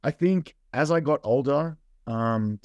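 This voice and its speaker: A young adult Australian man chats as a guest in a casual interview, laid-back and rambling with lots of fillers. His mid-range voice is a little mellow and slow-paced, captured in a dry, lo-fi recording.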